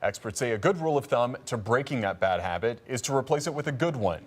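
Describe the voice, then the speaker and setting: A man anchoring a local newscast, reading a health segment in a measured, reassuring way. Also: mid-range voice, animated. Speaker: news anchor.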